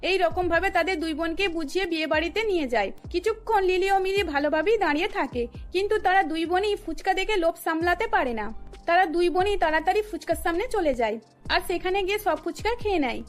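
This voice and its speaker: With faint music behind her, a woman with a very, very high voice narrates a scripted cartoon story, moving a bit quickly.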